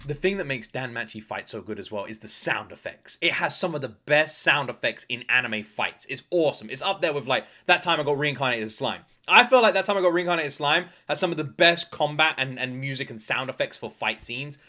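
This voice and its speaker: A man giving casual, excited reaction commentary, gushing and exclamatory and swearing freely. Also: mid-range voice, brisk, hardly any pauses. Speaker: reaction video host.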